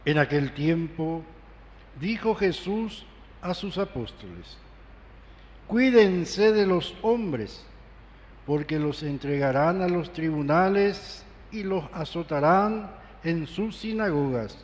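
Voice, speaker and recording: Male priest, high voice, solemn and unhurried Gospel reading, long cathedral echo. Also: animated, a little mellow. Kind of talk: solemn liturgical scripture reading. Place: large church, amplified live Mass. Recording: long reverberant church echo.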